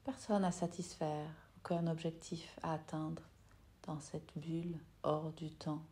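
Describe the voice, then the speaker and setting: Leading a guided meditation, this female yoga nidra teacher speaks in a soft, soothing, unhurried manner with long pauses. Her voice sits low with little movement in pitch.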